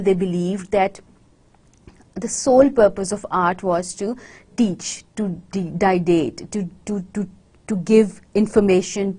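Woman, university lecture, husky, slow and deliberate, mixes English and Hindi-Urdu, often checks that the class follows. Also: mid-range voice, a little mellow. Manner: code-switches between English and Hindi-Urdu, frequent "theek hai?" checks.

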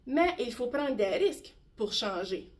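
A woman teacher reading a bedtime story aloud slowly and expressively. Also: on the high side. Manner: slow, gentle, expressive.

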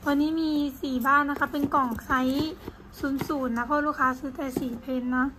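A woman's voice: high-pitched, fairly even intonation, brisk. A woman who owns a nail salon, chatting casually to viewers in a vlog while showing her shop and purchases. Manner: chatty, gushing, addresses viewers as everyone. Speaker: nail salon owner vlogger. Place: small nail salon, indoors. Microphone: handheld phone camera. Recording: phone vlog with rain noise. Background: rain.

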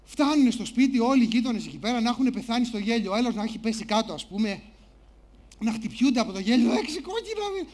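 A man telling a story in a live conference talk, animated and theatrical as he acts it out. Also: extremely high pitch. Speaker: conference speaker. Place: conference stage.

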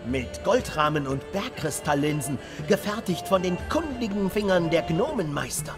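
An actor playing a showy, courteous auctioneer in a fantasy game, calling bids with formal theatrical patter. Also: male voice, high voice. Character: showy, courteous male auctioneer addressing genteel guests.

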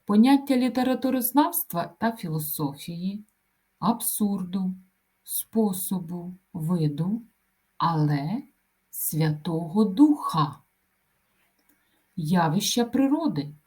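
Woman teacher, grammar lesson; unhurried, measured word-by-word delivery. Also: lowish voice, lively intonation, mellow. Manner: slow, deliberate dictation-like delivery. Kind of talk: grammar lesson, reading example word lists.

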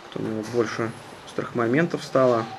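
A man giving live hockey play-by-play in a measured, conversational manner. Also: mid-range voice, vocal fry. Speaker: hockey commentator. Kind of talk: live sports play-by-play commentary. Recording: noisy ice rink ambience. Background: arena noise.

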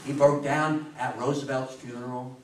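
A man in his seventies talks informally about history to a seated audience in a meeting room, telling lively anecdotes, repeating phrases for emphasis and handling questions. His mid-range voice stays steady at a moderate pace. The distant camera microphone adds roomy echo and a little hiss or hum.

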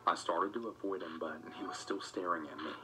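A man reading a first-person scripted story in a matter-of-fact way, as narrator of an animated video. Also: low voice, brisk, a little hiss or hum. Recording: music playing under the voice.

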